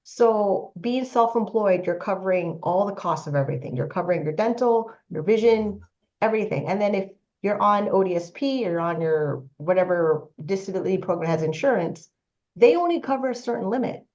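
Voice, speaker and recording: A woman's voice: medium pitch, expressive, fairly quick, darkish tone, highs cut off. A Canadian woman in her late thirties, speaking as a panelist in a casual discussion, telling her story in a rambling, matter-of-fact way. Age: 30s.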